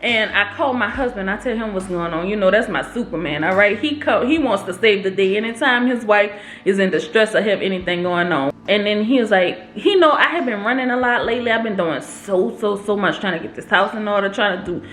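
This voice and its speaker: Animated woman telling a storytime. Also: mid-range voice, fairly quick. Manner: animated, expressive storytelling with big swings. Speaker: vlogger. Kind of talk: storytime vlog. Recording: roomy echo.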